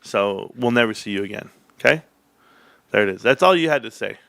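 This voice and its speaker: A gravelly-voiced man in his forties hosts a casual livestream, trading between high, hyped outbursts and low, mumbled asides. He keeps calling his viewers bros and guys. The sound is close and dry, with no room around it. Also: a little fast, dry recording. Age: 40s. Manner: hyped, swings into high excited bursts, then low muttering. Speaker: stock livestream host.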